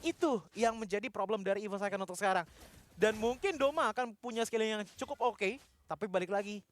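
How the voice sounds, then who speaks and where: A man's voice: high voice, fairly quick. A man with an Indonesian accent giving fluent, detailed esports commentary and explaining the state of play. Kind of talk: game commentary and analysis.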